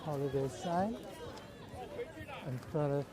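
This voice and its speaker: A man giving casual, unhurried walking commentary as a live vlogger, speaking in short observational phrases outdoors. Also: fairly high pitch. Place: outdoors at a busy beach and streets. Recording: outdoor crowd and street bustle. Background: crowd.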